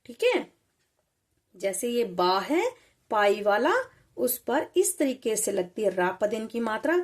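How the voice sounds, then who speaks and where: A woman teaching young children a lesson on letters, patient and repeating each sound slowly. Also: fairly high pitch, big pitch swings.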